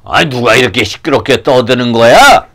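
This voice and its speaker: Pastor putting on a cranky, gruff townsman telling someone off, kids' puppet show. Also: mid-range voice, lively intonation, moderate pace, fairly bright tone, pitched below the performer's own voice. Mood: annoyed. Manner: scolding, gruff. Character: grumpy male townsman, irritated and scolding.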